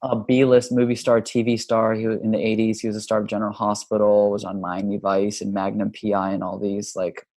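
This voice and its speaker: A man from Hawaii speaks in a low, gravelly voice that barely rises or falls. He talks about his life in a relaxed, unhurried way, dotted with ums. The sound is close and dry, with no room around it. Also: dry recording. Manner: easygoing, many ums, unhurried. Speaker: podcast guest, yoga teacher and author. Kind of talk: relaxed conversational storytelling.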